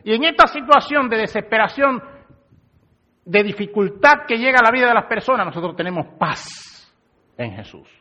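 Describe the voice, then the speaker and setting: A man's voice: high-pitched, lively intonation, moderate pace, pushed and bright. A male pastor preaching a sermon in a church hall, talking to his congregation directly and conversationally. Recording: dull lo-fi recording with long hall reverb.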